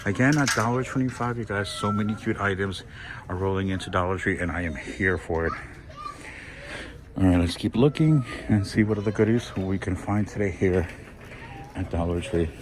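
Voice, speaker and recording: A man hosting a casual shop-with-me vlog inside a discount store, talking in a gushing, excitable way into a handheld phone. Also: low voice, normal speed, noisy background. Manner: gushing, excitable, exclaims and laughs often. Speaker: shopping vlog host.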